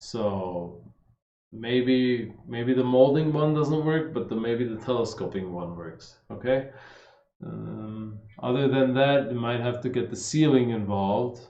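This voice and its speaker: Male fitness coach, casual livestream Q&A, relaxed and chatty, roomy lo-fi sound. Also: medium pitch, slow. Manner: laid-back, says "man" and "like" a lot, reads questions aloud. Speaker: fitness coach answering viewer questions. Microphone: streaming setup. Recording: roomy, slightly dull livestream audio.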